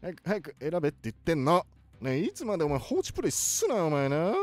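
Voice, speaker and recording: A man voicing an excitable elderly cartoon professor, giving playful video game commentary with drawn-out words. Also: on the high side. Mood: impatient. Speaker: gaming video host.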